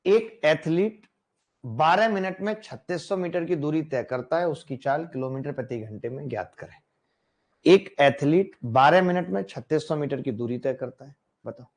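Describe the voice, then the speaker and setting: A man teaching math in a lively classroom lecture, addressing students directly and playfully. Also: on the high side, moderate pace.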